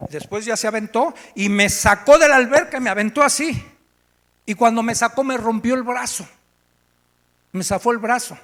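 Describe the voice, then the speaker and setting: A man's voice: very high voice, moderate pace. A man with a Mexican accent preaching a sermon, telling stories animatedly and asking the congregation questions. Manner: animated storytelling, asks the congregation. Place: church meeting room. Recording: echoey church hall.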